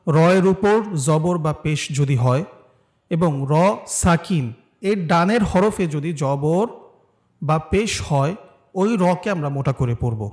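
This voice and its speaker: Bangladeshi man, slightly high voice, patient Quran recitation teacher drawling example words slowly. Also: darkish tone. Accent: Bangladeshi Bengali. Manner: explains rules patiently, then drawls words slowly for students to repeat. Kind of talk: step-by-step recitation lesson.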